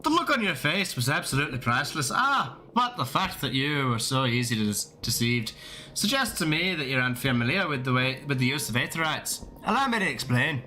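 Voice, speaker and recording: A man's voice: fairly high pitch, very animated, normal speed, bright, forceful tone, a little hiss or hum. A man playing a pompous formal clerk. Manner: formal, archaic, mock-grand. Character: pompous male aetheryte clerk, teasing.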